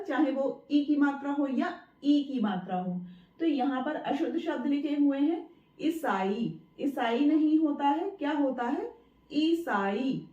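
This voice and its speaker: A woman's voice: high-pitched, darkish tone. A woman hosting her channel and teaching spelling, patiently saying each word again and asking and answering her own questions. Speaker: Hindi teacher and channel host. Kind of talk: spelling lesson to camera. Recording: roomy, distant, dull sound.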